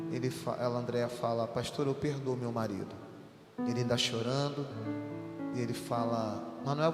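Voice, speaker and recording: A Brazilian man, a pastor, tells his church testimony in an earnest, confessional way, with music behind him. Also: medium pitch. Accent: Brazilian Portuguese. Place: church hall. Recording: echoey hall with loud music behind.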